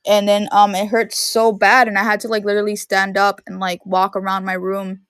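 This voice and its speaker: A woman's voice: mid-range voice, flat delivery, brisk, fairly bright tone, clean tone, dry recording, studio quality. A woman in her thirties chatting casually and rambling on a live stream from her room at home, filling her talk with "like". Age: 30s. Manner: rambling, heavy use of "like".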